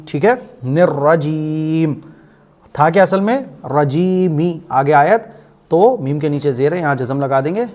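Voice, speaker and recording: A man teaching Quran reading in a patient lesson style, asking questions and answering them himself, and slowly drawing out the words he recites to demonstrate them. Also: fairly high pitch, a little mellow.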